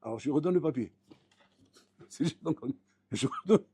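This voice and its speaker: A man giving a Torah class as a rabbi, telling stories with acted-out voices and building up to loud, emphatic peaks, often calling out to his listeners. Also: a little high, normal speed, slight background noise. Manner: lively storytelling, acting out voices, rising to loud emphatic peaks; French mixed with Hebrew terms, repeated address to the audience. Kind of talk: storytelling Torah lesson.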